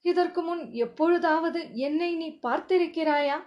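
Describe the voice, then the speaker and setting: A woman's voice: very high voice, flat delivery, moderate pace, darkish tone. A woman reading a suspicious prince. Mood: stern. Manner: demanding, short questions. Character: commanding prince, middle-aged man, suspicious. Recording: dull lo-fi audio.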